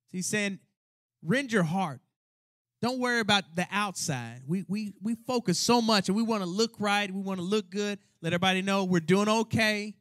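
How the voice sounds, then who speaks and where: A man's voice: sits high, fairly bright tone, dry recording, studio quality. A man preaching a sermon as pastor, earnest and conversational, with colloquial asides to the congregation. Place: church sanctuary.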